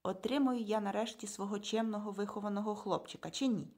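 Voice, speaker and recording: A woman's voice: medium pitch, fairly even intonation, quick pace, darkish tone, natural voice. A woman voicing a fussy, demanding woman who complains in an indignant tone. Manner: whiny, indignant.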